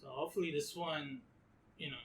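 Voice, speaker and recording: A man co-hosting a casual podcast, relaxed, telling stories that trail off softly. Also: on the high side, fairly quick. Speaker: podcast co-host. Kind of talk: casual chat. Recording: distant mic with faint noise and room ambience.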